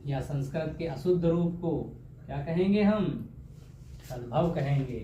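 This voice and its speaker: A man with a slightly high, warm voice teaches an exam-prep grammar lesson at a measured, animated pace. He keeps throwing out questions and repeating the answers, joking with a playful, homely teacher's touch. The room echoes over a faint ambient hum.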